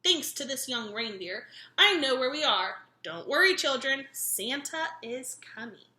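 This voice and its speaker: Woman playing a loud, jolly storybook Santa. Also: lively intonation, measured pace, reverberant, heavily acted. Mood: hearty, cheerful. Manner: booming, hearty, exclamatory. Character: jolly, booming old male Santa, hearty and blustering.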